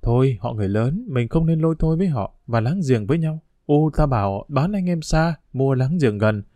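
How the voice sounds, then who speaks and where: Man voicing a calm sensible storybook boy, thrifty, reasoning, gently scolding, mid pitch, dry sound. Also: brisk, dry recording, natural voice. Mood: soothing.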